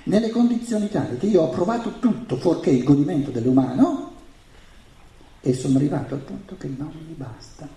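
German-accented man lecturing, very animated pitch. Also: a little fast. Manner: emphatic, repeats phrases and poses rhetorical questions. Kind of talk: spiritual lecture to an audience. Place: indoor room with an audience. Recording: roomy, echoing live talk.

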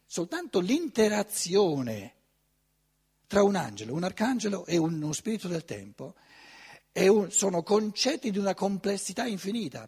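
Older man, raspy, animated lecturer. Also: fairly high pitch. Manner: animated, conversational with rhetorical questions. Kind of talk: conference talk. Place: lecture hall.

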